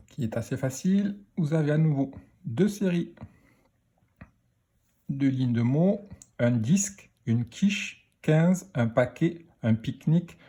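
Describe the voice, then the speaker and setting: A man teaching a phonics lesson to children, speaking slowly and deliberately as he spells out letters and sounds. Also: a little high, dark tone, husky.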